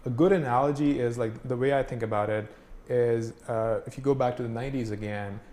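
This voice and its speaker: A man's voice: mid-range voice, steady tone, fairly quick, dark tone. A man from Pakistan explaining things in a casual conversational way, full of fillers and "right?" checks. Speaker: instructor. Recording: echoey room, faint noise.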